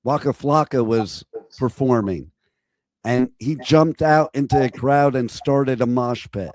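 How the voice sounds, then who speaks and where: A man hosts a radio interview in a hoarse voice that is nearly gone. His pitch sits in the middle range, and he chats casually. The sound is dry, with very little room. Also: a little slow, darkish tone, dry recording. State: hoarse, lost voice. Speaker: radio host.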